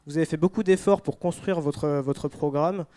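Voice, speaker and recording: A man's voice: fairly high pitch, moderate pace, mellow. A man interviewing a guest at a conference, asking long questions with frequent hesitation. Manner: hesitant, with many fillers and restarts.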